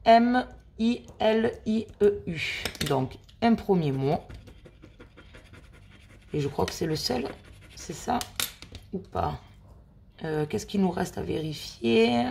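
A woman hosting a scratch-card video, chatting slowly and addressing her viewers as friends while she checks numbers and letters. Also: medium pitch, lively intonation, gravelly, a little mellow, a little hiss or hum. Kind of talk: casual play-by-play commentary.

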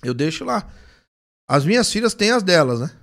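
Animated gravelly pastor. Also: male voice, sits high, normal speed, slight background noise. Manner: animated storytelling, acts out dialogue. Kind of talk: casual testimony in a conversation.

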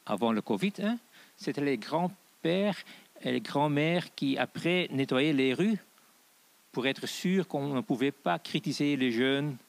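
A middle-aged man speaks French with a foreign, Flemish accent. His delivery is slow and halting, with a gravelly creak, as he talks unscripted on a panel. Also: a little high, lively intonation. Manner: halting, deliberate non-native phrasing. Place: large auditorium stage. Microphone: handheld microphone.

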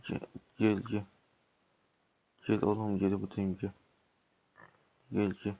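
A man with a sore throat and cough giving excitable, casual gameplay commentary, swearing at other players and calling them over. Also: lowish voice, slow, highs cut off. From Turkey. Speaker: gaming YouTuber.

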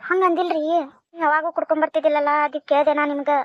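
A woman's voice: high-pitched, steady tone, racing, dry recording, close to an everyday voice. Woman voicing a pleading young wife. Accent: North Karnataka Kannada. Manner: pleading, soft-spoken. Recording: dry, dull lo-fi sound.

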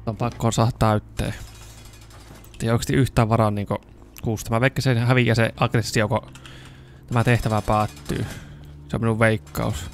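A young man with a Finnish accent giving casual let's-play commentary, swearing and yelling whenever the game turns dangerous. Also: mid-range voice, pauses often, soft background music. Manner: excitable, swears and yells when in danger. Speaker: gaming YouTuber.

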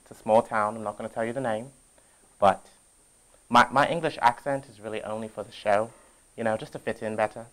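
A man's voice: lowish voice, fairly even intonation, a little fast, fairly bright tone, rough recording. A young man in a comic sketch, defensive and rambling as he talks.

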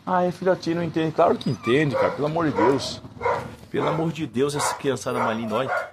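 A man's voice: on the high side, fast, heavy background noise. A man with a Brazilian accent, a dog breeder who barks commands at his dogs and lectures viewers bluntly in a casual vlog. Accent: Brazilian Portuguese.

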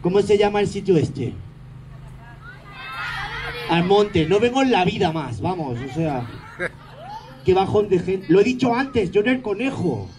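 Sarcastic high-voiced stage comedian, man. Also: big pitch swings, measured pace, pauses often, crowd noise, background noise. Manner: sarcastic, mock-grumpy, teasing the audience. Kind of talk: live stage comedy with audience banter.

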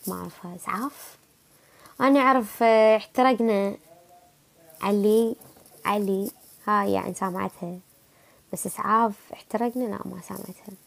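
A woman's voice: medium pitch, a little fast, creaky, pauses often. A young woman with an Iraqi Arabic accent, feeling sick, chatting casually with viewers on a livestream and answering their comments. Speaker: livestream host. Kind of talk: casual live chat with viewers.

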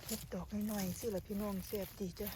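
Woman, Isan accent, lively outdoor foraging vlogger, recorded on a handheld camera with clear outdoor noise. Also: mid-range voice, quick pace. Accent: Isan (Northeastern Thai). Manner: lively, exclaims often, calls viewers "brothers and sisters". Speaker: vlogger foraging for wild mushrooms. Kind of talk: chatty walk-and-talk narration to viewers. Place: outdoors in woodland.

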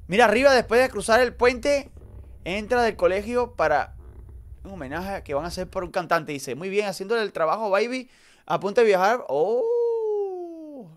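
A man commentating his live horror game stream, jumpy and excitable, talking to his chat. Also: high-pitched, a little fast.

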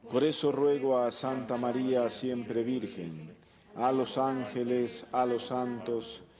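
A middle-aged man, a priest, reciting liturgical prayers in a slow, solemn way at an altar in a studio chapel. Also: medium pitch, a crowd in the background. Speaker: priest celebrating Mass.

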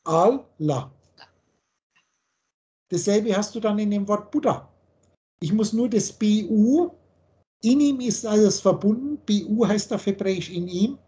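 A man's voice: sits high, unhurried, long pauses, dark tone. A man lecturing on a video call and explaining the meaning of words letter by letter, in the manner of a spiritual teacher. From Germany.

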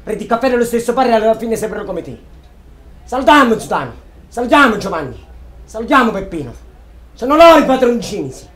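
An actor playing a young Sicilian man raging against the mafia, swinging from bitter quiet to shouting. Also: high-pitched, lively intonation, fairly quick, pauses often. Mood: furious. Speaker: auditioning actor. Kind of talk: dramatic audition monologue.

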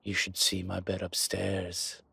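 In this intimate scripted roleplay, a man fully voices a luxury-loving, older dragon crime lord who is suave and arrogant, addressing one unheard listener. His deep, very husky, rough voice has a sharp tone and a monotone delivery, slow and smooth-talking with deliberate pauses, in a smug, teasing mood. It's recorded close and dry without echo.

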